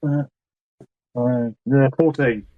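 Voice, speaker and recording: A man's voice: medium pitch, steady tone, slow pace, narrow, tinny audio. A man playing a tabletop game, hesitant and checking the rules. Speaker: player. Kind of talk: casual tabletop play.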